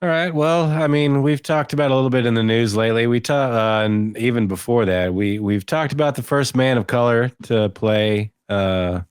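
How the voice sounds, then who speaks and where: Dude on a movie podcast going over news, kinda halting, lots of uh, dry close sound. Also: male voice, medium pitch, clear, resonant tone, dry recording. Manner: measured, hesitant, many uh fillers. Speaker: podcast co-host presenting news. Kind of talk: casual chat.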